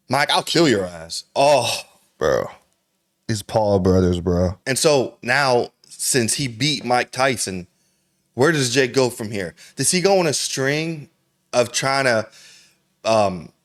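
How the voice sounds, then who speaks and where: Man, reaction video host, casual, slangy, profane, rambling, mid-pitched voice. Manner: slangy and profane, says "bro" constantly; rambling, with frequent restarts.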